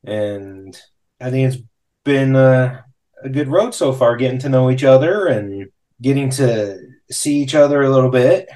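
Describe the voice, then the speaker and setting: An easygoing man hosts a casual podcast chat. His mid-range voice stays relaxed. His replies are brief and loose, dotted with small fillers. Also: medium pitch, unhurried. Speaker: podcast host.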